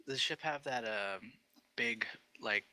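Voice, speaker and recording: A man's voice: mid-range voice, measured pace, pushed and bright. A man playing a tabletop game, hesitant and searching for words. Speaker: player. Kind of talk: casual tabletop play.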